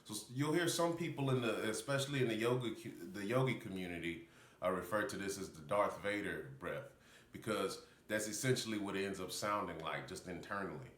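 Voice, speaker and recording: A man's voice: fairly low pitch, a little fast, fairly bright tone. A man with congested sinuses giving casual, loosely explained instruction in a breathing technique. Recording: roomy echo, faint background noise.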